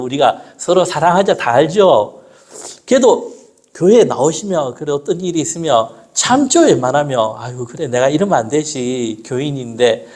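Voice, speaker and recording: A middle-aged pastor preaches in a fairly high voice that swings up and down a lot. He asks questions and answers them himself, and he slows right down to quote scripture. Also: a little mellow. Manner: slows down when quoting scripture. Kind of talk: sermon.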